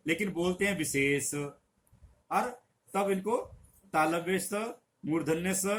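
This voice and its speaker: A middle-aged male teacher explains patiently, stretching out each example sound slowly for emphasis. His voice sits a touch higher than most men's. A faint hiss of background noise runs under the lesson. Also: a bit bright. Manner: patient, instructive. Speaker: Hindi teacher.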